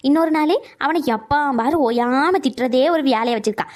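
A woman's voice: high-pitched, moderate pace, a little mellow, close to an everyday voice. A woman voicing a talkative elderly grandmother in a cartoon who gossips and scolds, then coaxes and pleads with her granddaughter. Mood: gossiping. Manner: scolding gossip turning to coaxing pleas. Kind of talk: cartoon voice acting.

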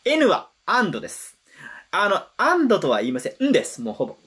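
A woman hosting a reaction video, chatting casually and explaining song lyrics in an animated, talkative way. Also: mid-range voice, normal speed, husky. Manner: chatty, animated, switches between explanation and excited comments.

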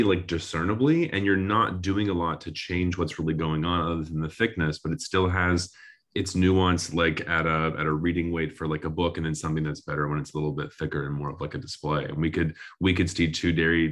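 A low-voiced man talks as the client in a design talk. His delivery is loose and conversational, full of "like" and restarts. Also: little pitch movement, brisk, a bit bright. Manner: chatty, lots of "like". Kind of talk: casual conference presentation.

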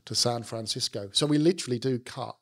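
A man's voice: medium pitch, fairly quick, fairly bright tone. A man in his forties with a South London accent, talking chattily as a guest in a casual podcast conversation. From London, England. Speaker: guest, business leader. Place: indoor podcast studio. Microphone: close podcast microphone on boom arm.

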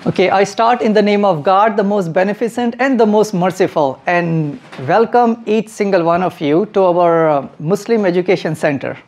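A man's voice: high-pitched, normal speed, hardly any pauses, a little mellow. A young man explains things to a group of visitors, friendly and patient, laughing now and then. He talks into a handheld mic in a classroom. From India. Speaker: mosque guide and educator. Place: mosque hallway, then classroom.

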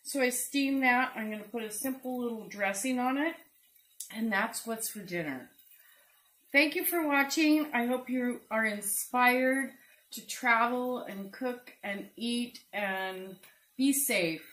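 A middle-aged woman hosting a casual home cooking demonstration, chatty and unhurried with lots of ums. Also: a little high, a bit bright. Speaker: cooking show host. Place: home kitchen, indoors. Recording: roomy kitchen with sizzling pan. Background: frying and sizzling food.

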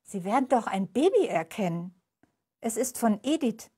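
A woman's voice: fairly high pitch, big pitch swings, moderate pace, mellow, husky. Woman reading as an indignant very old lady. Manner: reproachful, insistent.

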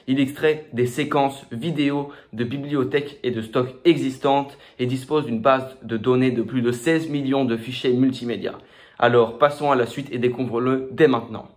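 French-speaking man giving a casual software tutorial. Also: mid-range voice. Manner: casual, with many fillers and restarts. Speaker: tutorial host. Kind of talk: screen-recorded software tutorial.

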